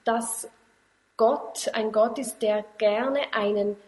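A woman interpreting a sermon line by line, quick and plain with small restarts. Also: a little high, steady tone, darkish tone, roomy sound, low-quality recording. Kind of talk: live sermon interpretation into German. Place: hall without audience.

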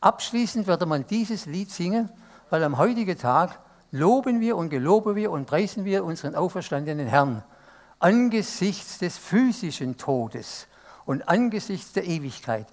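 Pastor, somewhat high voice. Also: male voice, expressive, moderate pace. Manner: questioning, invites the congregation to answer aloud. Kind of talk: interactive sermon. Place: church service.

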